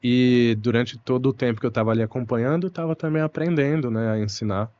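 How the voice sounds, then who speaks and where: A darkish, mid-range male voice comes through a muffled recording. The speaker is a young Brazilian man who teaches Portuguese, appearing as a thoughtful, unhurried guest in a relaxed interview and often dropping "né" and "puxa."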